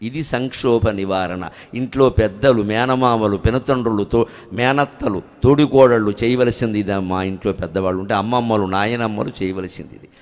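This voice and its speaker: A man giving a live religious discourse to an audience, telling a story with much drama, acting out the characters and chanting verses slowly. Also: fairly low pitch. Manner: dramatic storyteller, acts out quoted characters, swings between loud and soft. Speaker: spiritual discourse speaker. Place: large public hall with an audience. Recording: long reverb of a large hall.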